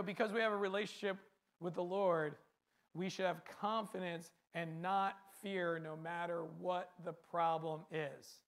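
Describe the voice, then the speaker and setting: Delivering a sermon, a man speaks earnestly in a repeating rhythm and frequently asks rhetorical questions. His voice is high, creaky, and a bit bright.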